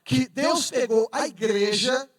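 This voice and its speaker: Pastor pregando com fervor em igreja ecoante. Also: male voice, very high voice, takes it slowly. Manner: fervent, shouts at peaks, jokes with the congregation. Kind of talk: sermon. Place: church. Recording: echoey church hall, mic far off.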